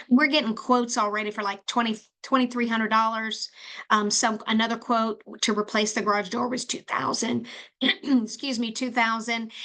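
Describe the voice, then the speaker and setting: Bright-voiced woman podcast host. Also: fairly high pitch. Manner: chatty storytelling with fillers and restarts. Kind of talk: solo podcast monologue.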